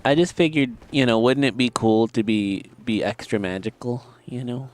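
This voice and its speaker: A man's voice: medium pitch, normal speed, a little mellow. A man with a lisp chatting casually as he streams a game, rambling and muttering to himself. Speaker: live streamer. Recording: music playing under the voice. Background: background music.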